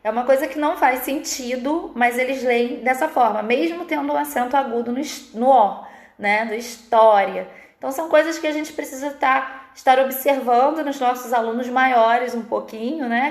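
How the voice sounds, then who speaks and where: A middle-aged Brazilian woman teaches in a live online class, her voice sitting a little high. She explains patiently and keeps checking in with her listeners, and the room around her sounds echoey. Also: normal speed. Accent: Brazilian Portuguese. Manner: explanatory, frequent "né?" tags.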